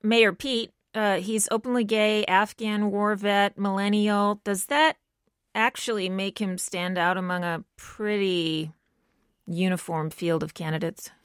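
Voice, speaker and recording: A woman's voice: mid-range voice, fairly even intonation, a little slow, smooth, no room sound, clean studio sound. A woman hosting a radio interview, asking short, direct questions of a political guest.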